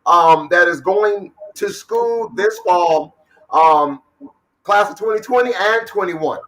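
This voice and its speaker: A man hosting a lively livestream show, hyping up viewers and calling out their names. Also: high-pitched, slow, distant mic, rough recording. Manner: energetic, hypes up viewers, calls out names. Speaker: talk show host.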